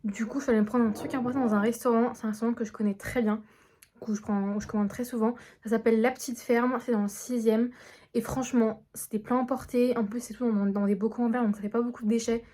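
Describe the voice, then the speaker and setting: A woman's voice: on the high side, fairly even intonation, quick pace, warm tone. Young woman, casual vlogger, slangy and filler-heavy delivery. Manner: chatty, slangy, many fillers. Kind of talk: casual vlog chat to camera.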